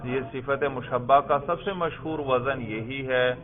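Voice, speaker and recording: A man teaching a grammar class in a steady mid-range voice. He quizzes students and drills each answer back. The sound is thin and phone-like. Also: mid-range voice, crowd noise. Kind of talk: classroom lesson.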